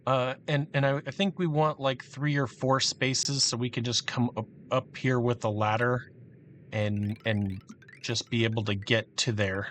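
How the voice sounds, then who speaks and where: A man giving casual, halting commentary while he plans a build in a game, thinking aloud with many restarts. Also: mid-range voice, fairly even intonation, fairly bright tone, a little hiss or hum. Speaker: gameplay commentator.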